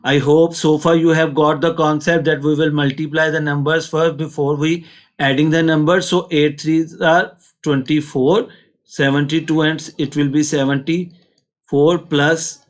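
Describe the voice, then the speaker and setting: Higher-pitched Pakistani-accented male teacher. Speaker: maths teacher. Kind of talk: step-by-step lesson explanation.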